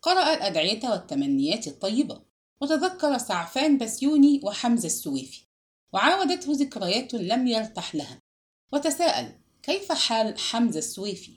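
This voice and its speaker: Expressive woman reading a novel. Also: fairly high pitch, a little fast. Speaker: audiobook narrator. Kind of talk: literary audiobook narration.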